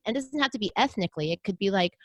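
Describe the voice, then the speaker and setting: A middle-aged American woman speaking earnestly in an interview, giving motivational advice and getting animated when she quotes other people. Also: mid-range voice, very fast, dry recording. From United States. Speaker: podcast host and guest. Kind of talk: interview conversation.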